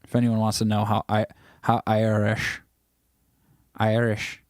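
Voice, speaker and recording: A livestream host chats loosely, reading viewers' comments aloud and teasing them, rambling and restarting often. His voice is fairly low, a little slow, clean in tone, and completely flat. The recording is dry and studio quality.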